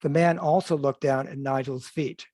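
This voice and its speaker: A male author reading from his own novel in a measured, even way, now and then correcting himself. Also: mid-range voice, no echo. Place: livestream reading.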